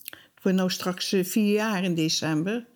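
In a candid documentary interview, an older widow speaks plainly and wistfully, sometimes sinking to a near-whisper. Her voice sits on the low side and moves at a measured pace, with soft music in the background.

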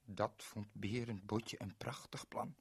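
A man's voice: fairly low pitch, fairly even intonation, takes it slowly, gravelly, husky, dry recording, studio quality. A man narrating a children's story in a playful way, talking directly to the young listener.

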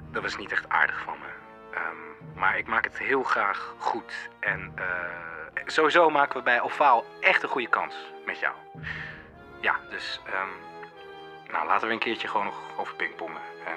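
A man in film dialogue, first hesitating through a voicemail full of fillers, then talking bluntly and forcefully. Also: sits low. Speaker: caller leaving a voicemail, then conversation partner.

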